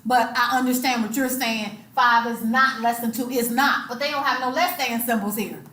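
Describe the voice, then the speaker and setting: A woman with a fairly high, bright voice lectures a college math class in a forceful tone, with fairly even intonation at a moderate pace. She talks colloquially and emphatically, repeating her key points, in an echoey classroom with faint room noise.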